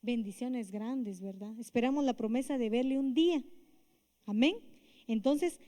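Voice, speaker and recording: A woman's voice: a little high, measured pace, dark tone. A woman preaching a sermon to a women's group, earnest and often asking the listeners for agreement. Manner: earnest, asks the listeners for agreement, with frequent fillers and restarts.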